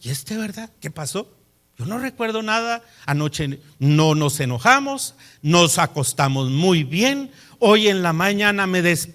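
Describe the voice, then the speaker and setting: A man's voice: sits high, bright, forceful tone, heavily acted. A man voicing a puzzled wife. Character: cheerful churchgoing wife, puzzled by grumpy husband.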